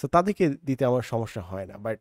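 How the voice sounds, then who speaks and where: A man's voice: mid-range voice, very animated, a little fast, dry recording, clean studio sound. A man from Bangladesh, giving a reflective conversational monologue and talking straight to the listener, with English words mixed in. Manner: conversational, mixes English into Bengali, addresses listener directly. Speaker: monologue host.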